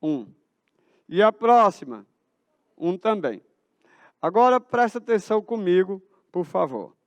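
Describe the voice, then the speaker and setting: A man with a Brazilian accent leads a math lesson in a school auditorium, asking a question and then supplying the answer. His voice sits high and his delivery is slow. The sound is close and dry. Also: sing-song, no echo. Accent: Brazilian Portuguese. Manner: asks the class questions and answers them himself. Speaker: teacher.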